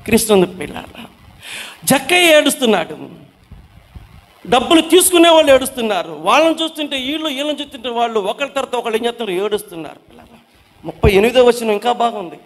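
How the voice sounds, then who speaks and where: High-voiced man teaching Bible study. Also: lively intonation, fast talker, big-room sound. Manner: repeats questions to the class and answers them himself; addresses listeners as children.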